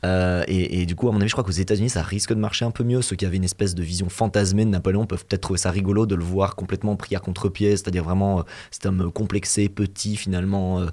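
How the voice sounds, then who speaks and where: A man's voice: low voice, steady tone, fast talker, hardly any pauses, a little mellow. A man co-hosting a podcast, giving his opinions on films in a chatty, hesitant, conversational way. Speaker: podcast co-host. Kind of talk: casual film review chat.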